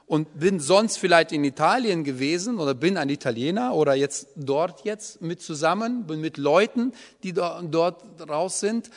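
A man's voice: fairly high pitch, expressive, normal speed, hardly any pauses. A man teaching a Bible study to a group, explaining patiently and often checking in with a questioning "ja?". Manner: explanatory, often asks the audience "ja?". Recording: long hall reverb.

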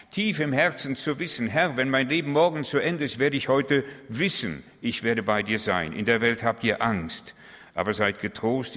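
A male preacher delivering an emphatic sermon, his voice swelling on key lines and turning to rhetorical questions. He speaks at a mid pitch in a church-like space, with a long reverb hanging after each phrase. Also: fairly bright tone.

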